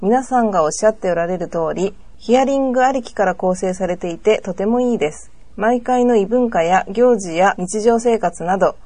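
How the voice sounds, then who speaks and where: A woman co-host reads a listener letter aloud, polite and even in her delivery. Her voice sits at a middle pitch, recorded dry and close. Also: normal speed, few pauses, dry recording.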